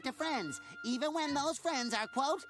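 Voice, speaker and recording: A woman voicing an excitable cartoon character in an earnest, declaiming manner. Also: high-pitched, measured pace, over music.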